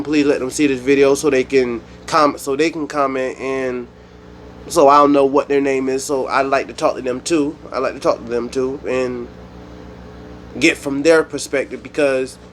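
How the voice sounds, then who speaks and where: A man from the United States hosting his own channel, speaking his mind in a rambling, animated monologue with frequent restarts. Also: medium pitch, slight background noise. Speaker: YouTube channel host. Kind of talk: solo opinion monologue.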